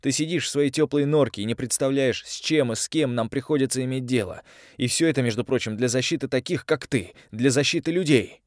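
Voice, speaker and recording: A man's voice: mid-range voice, fairly quick, dry recording, studio quality, pitched above the performer's own voice, natural voice. A male audiobook reader voicing an irritable, aggressive young man who works as a magic operative. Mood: heated. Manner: aggressive, exasperated.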